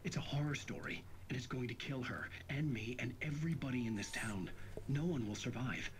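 An actor voicing a haunted male writer hero, giving measured inner-monologue narration in a video game. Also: medium pitch, a little hiss or hum, lightly acted, poor audio. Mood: grim resolve.

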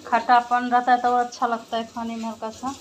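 In her home kitchen and bedrooms, a woman vlogger holds her phone out at arm's length and keeps up a chatty flow, speaking to her children between comments. She talks briskly in a monotone, with a fairly high voice.

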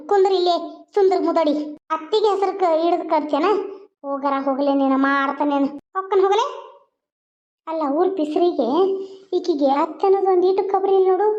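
A very high, piping old village mother-in-law who scolds and grumbles in a North Karnataka accent. She complains endlessly about being neglected. The cartoon audio is dull and lo-fi. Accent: North Karnataka Kannada. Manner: scolding, self-pitying complaints. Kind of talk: cartoon voice acting. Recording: dull lo-fi sound.

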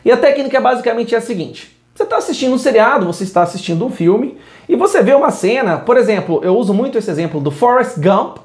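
A man's voice: very high voice, animated, fast talker, darkish tone. Man teaching English, echoey room. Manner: switches between English and Portuguese, upbeat and direct. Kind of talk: video lesson.

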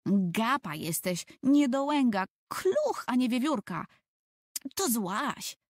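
A woman voicing a bossy, lively little village girl who gives commands and scolds. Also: high voice, unhurried, no echo, studio quality, pitched above the performer's own voice, heavily acted.

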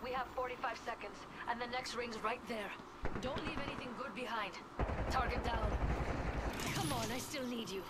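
A woman voicing a female battle-game announcer, giving crisp clipped callouts. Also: fairly high pitch, moderate pace, heavy background noise, natural voice. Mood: urgent. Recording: voice over loud gunfire and explosions.

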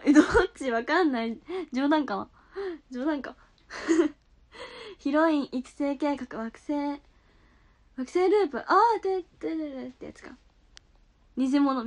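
Bubbly, high-voiced young woman. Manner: bubbly, giggly, chatty, reacting to comments. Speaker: idol streamer reading viewer comments. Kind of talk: casual live-stream chat.

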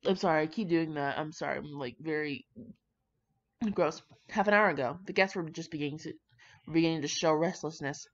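This fan fiction reader speaks fairly quickly in a low voice, reading in an easygoing way and drifting into brash, sweary asides. It's a lo-fi home recording with a slightly dull tone.

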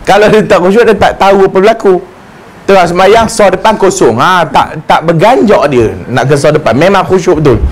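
A man giving a lively, joking religious lecture and acting out the voices he quotes. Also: high voice, fairly quick. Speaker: religious teacher. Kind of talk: humorous mosque lecture.

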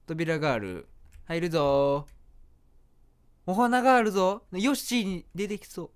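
A man's voice: sits high, unhurried, clean tone. A man with a Kansai accent playing a game, narrating the story and joking at the screen as he plays. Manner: playful, reacts aloud and jokes at the screen. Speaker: game streamer. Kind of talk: let's play commentary with storybook narration.

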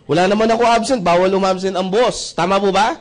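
A man's voice: high-pitched, steady tone, fast talker. A man from the Philippines giving a testimonial seminar talk, telling a story and often asking the audience for agreement. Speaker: presenter.

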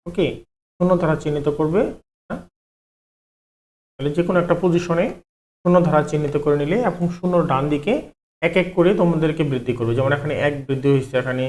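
A man's voice: on the high side, fairly even intonation, quick pace, long pauses, darkish tone. A man, teaching an online math lesson step by step, asking questions and then answering them himself. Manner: explains step by step, asks and answers his own questions, repeats "ঠিক আছে".

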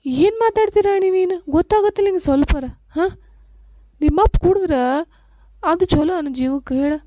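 A woman's voice: sits high, fairly even intonation, brisk, dark tone, no echo, natural voice. A woman voicing a worn-out village mother with a North Karnataka Kannada accent, pleading and scolding about her drinking husband in a cartoon. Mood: exasperated. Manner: pleading, scolding, weary complaint. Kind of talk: cartoon voice acting.

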